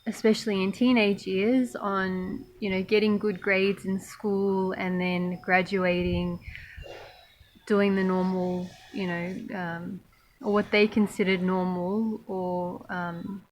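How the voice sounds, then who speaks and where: A woman raised in Australia, talking thoughtfully to camera about her spiritual path, pausing often with fillers. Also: medium pitch, level tone, a little hiss or hum, rough recording. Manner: slow, thoughtful, many pauses and fillers. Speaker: spiritual monastic vlogger. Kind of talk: reflective personal talk to camera.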